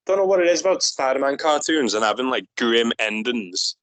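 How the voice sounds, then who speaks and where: A man's voice: medium pitch, expressive, a little fast, a bit bright, no echo, rough recording. A man co-hosting a podcast in a laid-back, casual chat, swearing freely, his voice run through a robot filter. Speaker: podcast co-host.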